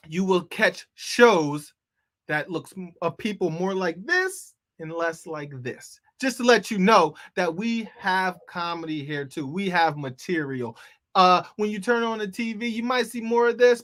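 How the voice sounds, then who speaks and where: A man's voice: sits high, fairly bright tone. A man hosting a live comedy show, hyped and loose, talking straight to his audience and viewers. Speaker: host.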